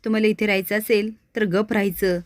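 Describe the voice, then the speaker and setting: Woman reads a patient, firm young bride, steady voice. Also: medium pitch, quick pace, no room sound, clean studio sound, natural voice. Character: patient but firm young daughter-in-law.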